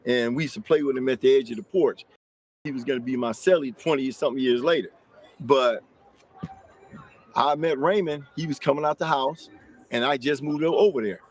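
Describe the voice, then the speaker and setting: A man's voice: medium pitch, a little fast. An older man from Los Angeles, interviewed as a guest, telling his story plainly and matter-of-factly.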